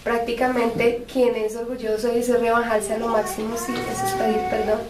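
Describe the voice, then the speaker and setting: A woman's voice: on the high side, moderate pace, crowd noise. A woman in a church group giving a fluent, reflective talk on forgiveness. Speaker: prayer group member. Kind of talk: religious reflection in group discussion. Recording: echoey room, mic far off.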